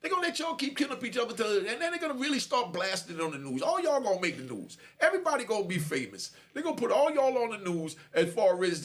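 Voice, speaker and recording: A man in his fifties, a former prisoner, talking straight to camera and preaching warnings to young listeners. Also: high-pitched. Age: 50s. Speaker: prison storyteller. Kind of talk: direct-to-camera monologue.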